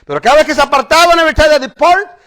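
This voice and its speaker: High-voiced bilingual preacher man. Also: very fast. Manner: switches between Spanish and English, animated with laughs. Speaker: bishop preaching. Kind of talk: bilingual sermon.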